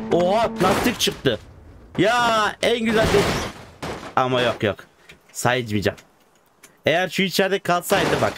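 A young man giving casual gameplay commentary as a YouTuber, swinging between loud excited outbursts and low muttering. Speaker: gaming YouTuber. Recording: clear background noise. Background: game car sounds.

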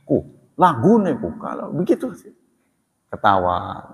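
A man teaching religion in a relaxed, chatty way, joking and laughing as he talks. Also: mid-range voice, measured pace, slightly rough. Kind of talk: casual religious talk. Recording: long hall reverb.

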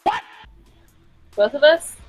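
A woman's voice: slow, lo-fi sound, soft background music. A young woman from California chatting casually and hesitantly with a stranger on video chat from her bedroom. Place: bedroom with lights.

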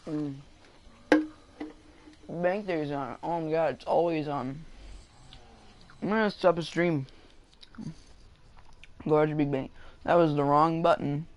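A man's voice: on the high side, steady tone, takes it slowly, long pauses. A young man giving casual, offhand gameplay commentary, mumbling and swearing as he plays. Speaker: gaming YouTuber. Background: loud game music.

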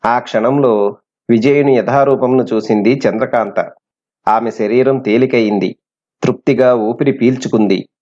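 A man's voice: mid-range voice, fairly even intonation, a little slow, a little mellow. A man narrating a folk tale audiobook in a dramatic storytelling manner, also voicing the characters. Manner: dramatic, voices the characters' lines. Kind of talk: storybook narration with acted dialogue. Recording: dull lo-fi recording.

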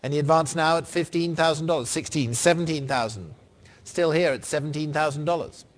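A man's voice: on the high side, a little fast. A middle-aged man working as a fine art auctioneer, calling bids in short, formal, repeated phrases. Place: large indoor auction saleroom.

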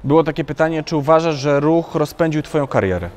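A man's voice: a little high, expressive, fast talker, a little mellow. A man hosting a sports interview, asking questions in a chatty, joking way. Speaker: interviewer, host.

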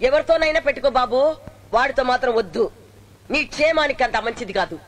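A woman's voice: high-pitched, lively intonation, fast. A woman playing a fiercely protective old grandmother in a film melodrama, lamenting and scolding emotionally. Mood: defiant. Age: older. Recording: film scene, loud music and crowd.

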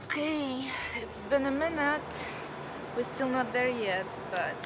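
A woman's voice: high voice, takes it slowly, heavy background noise. A woman in her twenties chatting casually for a travel vlog, filming herself at arm's length inside a car. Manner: relaxed, chatty, filler-heavy. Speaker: vlogger. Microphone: handheld camera at arm's length. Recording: music playing loudly over the voice.

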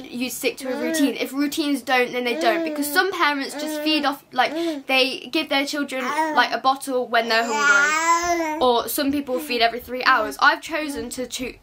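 A teenage woman vlogging at home at night. She talks in a quiet, hushed voice, rambling and restarting in an emotional monologue to camera. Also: sits high. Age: teens.

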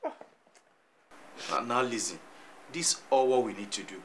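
A man's voice: medium pitch, lively intonation, moderate pace, fairly bright tone, slight background noise, close to an everyday voice. An actor playing a married man soothing his pregnant lover, with a coaxing manner.

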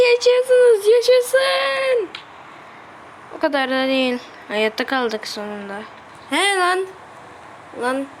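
A woman voicing a sandbox game skit, yelling in panic with frequent slang exclamations, on a noisy home recording. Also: high voice. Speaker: channel creator voicing game characters.

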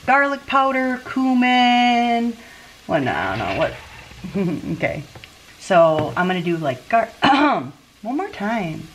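A woman's voice: a little high, sing-song, slow pace, a little hiss or hum. A woman in her thirties filming a casual meal prep vlog in her home kitchen, chatty and often stopping herself mid-sentence to start over. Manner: chatty, self-interrupting, laughs at her own slips. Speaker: cooking vlogger. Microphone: camera mic at arm's length and on the counter.

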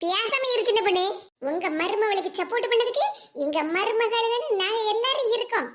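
A woman's voice: very high voice, expressive, a little fast, fairly bright tone. A woman doing a hot-tempered scolding neighbour. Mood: angry. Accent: Tirunelveli Tamil. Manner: scolding, confrontational.

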